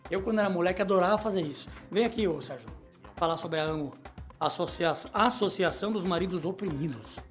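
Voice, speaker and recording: Joking, rambling radio host. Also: male voice, fast talker, soft background music. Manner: rambling, joking, big pitch swings. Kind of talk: comedic radio talk and news reading. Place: small hot radio studio. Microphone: studio microphone.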